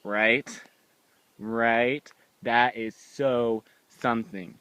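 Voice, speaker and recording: A man's voice: medium pitch, fairly even intonation, drawn-out words, clean tone, dry recording. Jittery young man filming in woods. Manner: jittery, rambling, nervous laughs, swings between whispering and loud exclaiming. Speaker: amateur paranormal vlogger. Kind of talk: handheld found-footage vlog. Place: woods outdoors.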